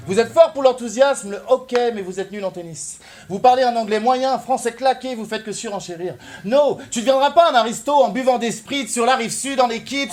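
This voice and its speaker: A French man delivering mocking, loud rap battle verses aimed at his opponent. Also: very high-pitched, slight background noise. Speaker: battle rapper.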